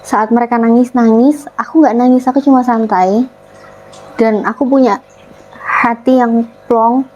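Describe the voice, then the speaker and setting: A young woman from Papua, Indonesia, relaxed and chatty as an interview guest, telling her story and acting out her family's words. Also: fairly high pitch, a little slow, pauses often, dull audio, slight background noise. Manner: relaxed, acts out family dialogue in quotes.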